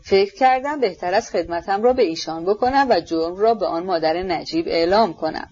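A woman's voice: fairly low pitch, a little mellow, husky, muffled recording. A woman voicing a sly, fawning middle-aged man who grovels and keeps calling his listener sir, in a storybook reading. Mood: wheedling. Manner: obsequious, wheedling, self-abasing.

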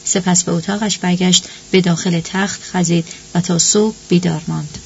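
A woman narrating a novel as an audiobook, reading in a steady, even storytelling manner. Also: fairly low pitch, creaky. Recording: dull lo-fi recording with faint hum.

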